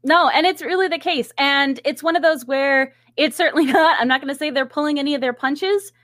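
High-voiced giggly woman podcaster. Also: a little fast, fairly bright tone, dry recording, studio quality. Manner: enthusiastic, giggly. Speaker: podcast co-host. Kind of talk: casual chat.

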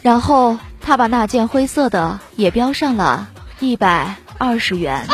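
A young woman telling jokes on air, with a lively delivery, often laughing and acting out voices. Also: mid-range voice. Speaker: comedy storyteller.

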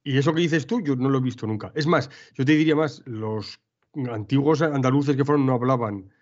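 A man's voice: mid-range voice, a little fast, a little mellow. Emphatic man on a muffled recording. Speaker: podcast host. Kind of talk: casual film chat. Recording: dull lo-fi sound.

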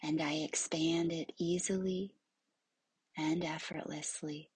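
In a soothing, hushed, breathy voice that often approaches a whisper, a woman leads a guided yoga nidra meditation with long pauses. Her pitch is low, her intonation fairly even, and there's no echo.

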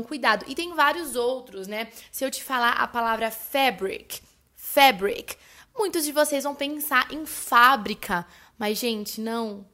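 A Brazilian woman with a Brazilian Portuguese accent, hosting a podcast lesson. She explains in a chatty way, often checks in with her listeners, and says example words slowly and carefully. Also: fairly high pitch, bright, forceful tone. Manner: chatty, addresses listeners as "gente", frequent "né?" and "tá bom?". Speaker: English teacher and podcast host.

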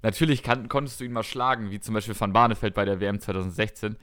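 A man's voice: on the low side, steady tone, fast, a bit bright, clean tone. A man co-hosting a casual podcast, chatting about darts in a rambling way, often correcting himself and listing results at length. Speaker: podcast co-host.

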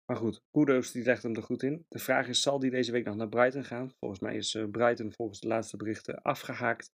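A man's voice: medium pitch, fairly even intonation, a little fast, breathy edge. A man from the Netherlands giving an opinionated, emphatic match review as a fan podcast host, with frequent hesitations. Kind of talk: casual match review monologue.

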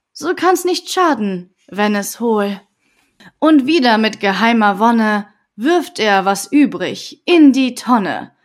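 A woman reads rhyming storybook verse for bedtime in a calm, rhythmic way. Her voice sits fairly high, and she takes her time, letting each line unfold slowly. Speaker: audiobook reader.

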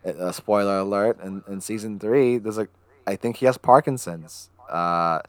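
A man's voice: on the low side, moderate pace, dry recording. A man co-hosting a casual podcast about a TV show, mostly agreeing with his partner. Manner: agreeable, brief affirmations. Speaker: podcast co-host. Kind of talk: casual TV review chat.

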